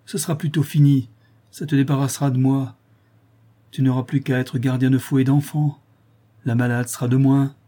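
A man's voice: medium pitch, level tone, moderate pace, mellow, close to an everyday voice. A man reading aloud and voicing a feverish, bitter wife who speaks in a drawling, plaintive tone.

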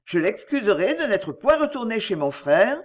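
A woman reading aloud and voicing a calm, gentle father who speaks soothingly to his family. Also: medium pitch, moderate pace.

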